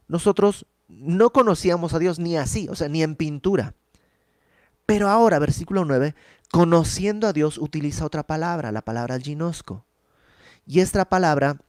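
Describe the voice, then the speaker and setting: A man's voice: a little high, a little mellow, dry recording. A man teaching a verse-by-verse Bible study in an earnest, emphatic, conversational way.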